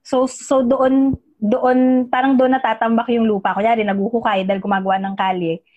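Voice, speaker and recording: Fairly high woman, relaxed retelling. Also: normal speed. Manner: relaxed, hedging with fillers as she retells a friend's story. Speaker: storyteller among friends. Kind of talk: casual chat. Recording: slightly dull, muffled sound.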